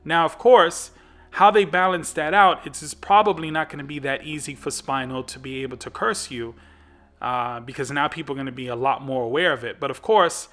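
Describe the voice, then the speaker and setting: A man's voice: a little high, brisk, fairly bright tone. A man hosting a gaming channel, giving casual commentary on a fighting game, rambling with lots of fillers and restarts.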